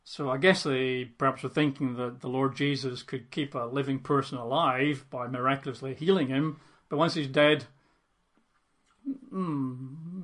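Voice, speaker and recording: A man teaching from the Bible, reading the passage aloud and breaking off into conversational commentary with fillers and asides. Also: mid-range voice. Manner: conversational asides with fillers, dramatizes quoted lines.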